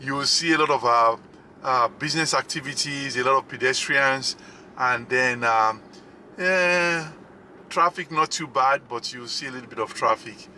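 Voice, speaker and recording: A man giving a casual, unscripted tour commentary from inside a moving car, speaking haltingly with frequent pauses. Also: medium pitch, pushed and bright. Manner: halting, hesitant, pausing often. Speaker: vlogger, driving tour host. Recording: road and car noise. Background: faint vehicle noise.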